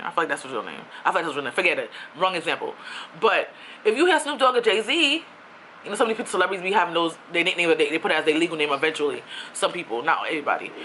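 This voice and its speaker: A young New York woman rants casually on her own YouTube vlog, chatty and animated, full of slang and asides. Her voice is mid-range, and the audio is poor with slight background noise.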